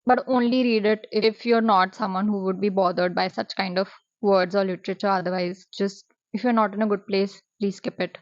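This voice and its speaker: A woman, talking through book reviews in a chatty, expressive vlog style. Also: medium pitch, a little fast, few pauses, no room sound. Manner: chatty, expressive, drops in Hindi words. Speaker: booktuber. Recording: dry, slightly muffled.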